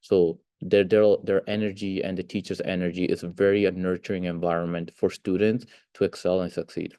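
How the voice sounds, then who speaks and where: A man's voice: low-pitched, level tone, fairly quick, warm tone, dry recording. A young man from Italy, a former student, answering interview questions hesitantly with many fillers. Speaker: alumnus interviewee.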